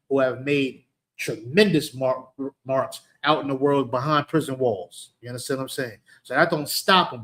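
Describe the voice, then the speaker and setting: A man's voice: medium pitch, a bit bright. A man with a New York accent teaching a scripture class, emphatic and conversational, often checking that listeners understand. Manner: emphatic, keeps asking "you understand". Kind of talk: street-preaching scripture class.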